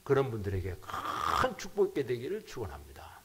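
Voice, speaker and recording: A middle-aged man, a pastor, preaching a sermon emphatically, his voice jumping from loud bursts down to near whispers. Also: on the low side, huge pitch swings, a little fast, slightly rough.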